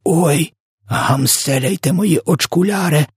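Brief: man voicing a gentle old giant who twists his words, husky and swinging from hush to high alarm. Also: unhurried, dry recording, clean studio sound, heavily acted. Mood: wailing. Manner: garbled grammar and made-up words, swings from hushed whisper to shrill wailing. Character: huge kindly old male giant who mangles words. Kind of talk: audiobook character voice.

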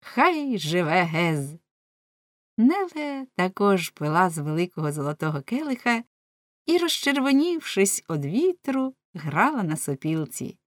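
A woman reads an audiobook aloud as scripted narration, in a measured, even storytelling manner. Her voice is medium-pitched and studio quality, with no room sound.

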